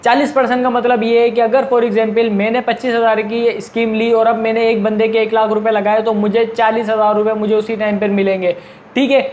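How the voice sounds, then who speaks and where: A man's voice: sits high, flat delivery, fairly quick, darkish tone, muffled recording, a little hiss or hum. A man with a Pakistani Urdu accent arguing a point in a casual video monologue, asking questions and answering them himself. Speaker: video commentator. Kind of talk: argumentative monologue.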